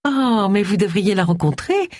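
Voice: medium pitch, lively intonation, normal speed, slightly rough, no echo, clean studio sound, pitched above the performer's own voice. Smug, sugary woman, haughty and honeyed, as an audiobook narrator puts her on. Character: smug, sugary older woman, easily offended. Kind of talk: audiobook character voice.

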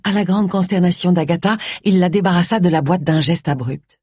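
Husky, expressive audiobook narrator, dry booth sound. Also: mid-range voice, a little fast, dry recording. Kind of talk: audiobook narration of a detective novel.

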